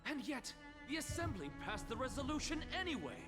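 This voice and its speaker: An actor playing a haughty, theatrical scholar in a video game, lecturing an assembly with pompous, taunting, villain-like drawl. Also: male voice, very high-pitched, big pitch swings, fairly quick. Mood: triumphant declaration. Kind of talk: video game dramatic acting. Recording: long hall reverb, loud music behind. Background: game music.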